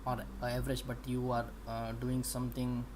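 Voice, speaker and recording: A young man with an Indian English accent talks through his work in a casual livestream, pausing often as he explains. His pitch barely moves. A steady noise runs under the recording. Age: young adult. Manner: halting, explains while working, many pauses. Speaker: animation student streaming practice. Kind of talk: casual think-aloud livestream.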